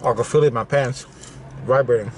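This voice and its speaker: A man in his forties chatting casually to camera in a food video, talking between bites as he eats crispy food inside a car. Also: medium pitch, a little fast. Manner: talking with mouth full between bites while eating crispy fish and chips. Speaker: food vlogger. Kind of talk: casual eating-show chat to camera. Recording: noisy in-car camera audio.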